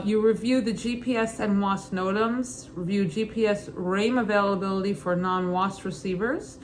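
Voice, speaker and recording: A young woman with a Brooklyn accent reads study material aloud in an informal, halting way, adding casual asides. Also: fairly low pitch. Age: young adult. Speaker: student pilot reading an exam guide. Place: kitchen at home, indoors. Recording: clearly noisy home room ambience.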